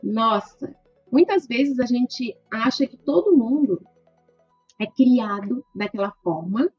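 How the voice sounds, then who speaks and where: A middle-aged lawyer from Rio Grande do Sul in southern Brazil, speaking Portuguese with a gaúcho accent, answers an interview question in a measured, explanatory way, listing points and often ending sentences with "né". Her slightly high voice is expressive and a little rough. The sound is dry and close with no room echo, slightly dull, with faint background music.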